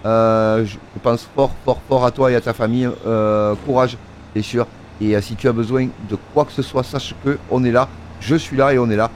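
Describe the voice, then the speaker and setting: In a casual let's-play, a gaming video creator chats through his farming game, using lots of fillers and joking with the workers. His voice is mid-range with fairly even intonation and a moderate pace. Faint hiss or hum is audible.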